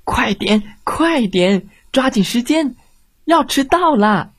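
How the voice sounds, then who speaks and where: A man voicing an adult mother who nags and then speaks tenderly, in a high, sing-song storybook voice. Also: sing-song, a little slow, breathy edge, dry recording, heavily acted. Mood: scolding.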